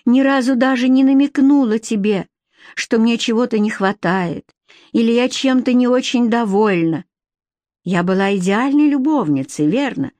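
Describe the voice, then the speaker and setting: A woman's voice: on the high side, moderate pace, a little mellow, no room sound, close to an everyday voice. A woman reading the part of a bitter, wounded middle-aged TV presenter in an audiobook, reproachful and accusing.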